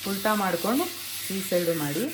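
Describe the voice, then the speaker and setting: A woman's voice: medium pitch, animated, moderate pace. A woman with a Kannada accent giving plain, practical step-by-step cooking instructions in her home kitchen. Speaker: home cook demonstrating. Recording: echoey kitchen with cooking noise.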